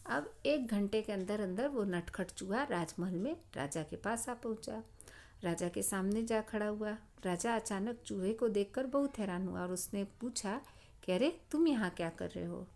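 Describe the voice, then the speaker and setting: A middle-aged woman teacher explaining a children's story, expressive and asking her listeners questions. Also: medium pitch, a little slow.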